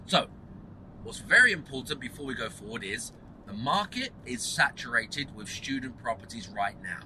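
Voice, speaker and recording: A man's voice: medium pitch, big pitch swings, normal speed, pushed and bright, slight background noise, poor audio. A man, a property investor hosting his own channel, gives a casual teaching monologue. He talks emphatically, repeats phrases and keeps asking rhetorical questions.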